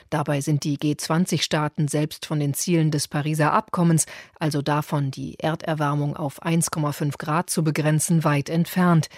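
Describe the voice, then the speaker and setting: A radio presenter reading a scripted news introduction in a crisp, matter-of-fact way. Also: mid-range voice, darkish tone, dry recording, studio quality.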